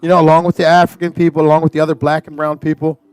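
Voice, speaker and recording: A fast-talking man on a casual panel show, speaking emphatically and restarting phrases as he goes. His voice sounds dry and close, a little higher than most. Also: completely flat delivery, a little mellow, clear, resonant tone, dry recording.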